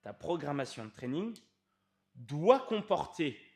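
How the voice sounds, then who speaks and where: A man's voice: fairly high pitch, big pitch swings, a little slow, darkish tone. A man, a fitness coach explaining training to the viewer in an informal, emphatic way, stretching key words.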